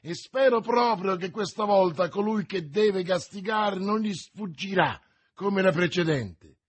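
A man voicing a proud, hot-headed young swordsman who shouts and taunts with a husky voice. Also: high-pitched, extremely slow, voice pushed up, exaggerated voice. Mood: defiant. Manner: loud, shouting, indignant.

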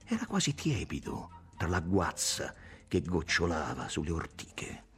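A man narrating a literary novel aloud with an expressive reading. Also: low-pitched, unhurried, faint music behind. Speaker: audiobook narrator.

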